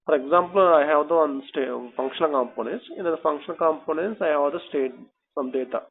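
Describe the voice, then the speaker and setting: On a phone call with tinny narrowband audio, an Indian-accented man interviews a candidate for a technical job, pressing again and again with probing questions. His slightly high voice has a breathy edge and moves a little fast.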